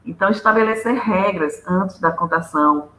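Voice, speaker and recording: A woman's voice: on the low side, normal speed, a bit bright, echoey room, low-quality recording. A woman giving a lecture on storytelling, listing practical tips with examples in a didactic manner.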